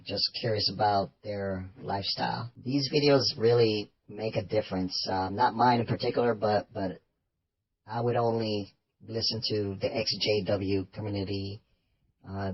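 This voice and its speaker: A man speaking through an electronically disguised deep voice, rambling to viewers in a casual monologue with frequent restarts. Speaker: anonymous vlogger. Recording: dull lo-fi sound.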